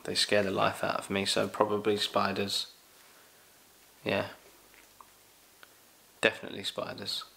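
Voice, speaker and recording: A young man with a London accent chats through a casual Q&A with jokey energy. His low voice is gravelly yet bright and forceful. He bursts into loud, excited exclamations. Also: measured pace, long pauses. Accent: London English. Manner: animated, jokey, exclaims loudly. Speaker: vlogger answering questions. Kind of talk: casual Q&A chat.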